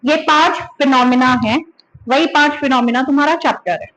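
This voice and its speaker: Woman teacher, high voice, scolds and teases, explains by everyday examples in a class lecture. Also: fairly quick, fairly bright tone, poor audio.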